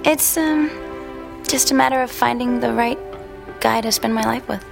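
A woman's voice: fairly high pitch, moderate pace, vocal fry, over music. An actress playing a friendly but evasive young woman in a radio drama, chatty with nervous little laughs.

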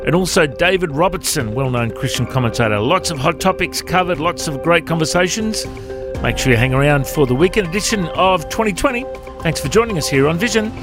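Upbeat radio host, music behind. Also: male voice, fairly high pitch, animated, brisk. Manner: upbeat, chatty, laughs easily. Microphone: studio microphone.

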